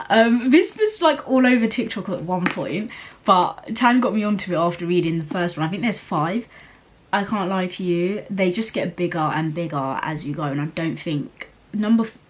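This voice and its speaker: A woman's voice: on the low side, slight background noise. A young woman chatting casually about books as a vlogger, rambling along with lots of fillers and laughs. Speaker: book vlogger. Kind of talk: casual chat.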